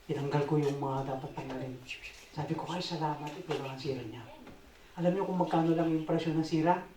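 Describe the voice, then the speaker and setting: A speaker gives a church testimony in an animated, expressive storytelling manner. The recording comes from a roomy church hall, picked up by a microphone set well back from the speaker, so the voice carries a hollow echo. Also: mid-range voice, a little fast, a little hiss or hum. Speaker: church member giving a testimony. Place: church hall in Las Vegas. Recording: echoey hall, distant mic.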